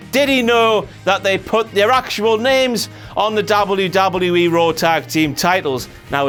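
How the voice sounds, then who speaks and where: A man's voice: high-pitched, a bit bright. A British man hosting a comic wrestling review, giving slangy, sweary, mocking commentary.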